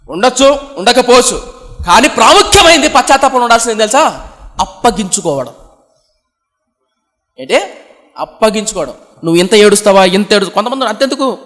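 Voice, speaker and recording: A man with a high voice preaches an emphatic sermon. He keeps asking his listeners questions and answering them himself, repeating key phrases. His voice rings with the long reverb of a church hall. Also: a bit bright. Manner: emphatic, repetitive preaching cadence.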